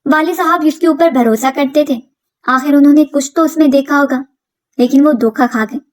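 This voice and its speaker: High-voiced woman narrating a story. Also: normal speed. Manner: earnest, dramatic storytelling. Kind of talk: scripted first-person story narration.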